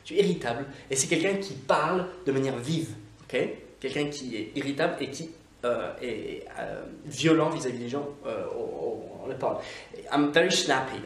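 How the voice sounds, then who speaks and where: A man teaching English in a casual video lesson, talking in a chatty way with many fillers and slowly drawing out the English example phrases. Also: mid-range voice, vocal fry, roomy sound, far from the mic.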